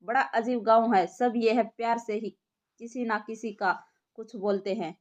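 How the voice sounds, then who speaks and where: A woman's voice: fairly high pitch, steady tone, moderate pace, lightly acted. A woman voicing a tough young policewoman who scolds and interrogates. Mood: stern. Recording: lo-fi muffled recording.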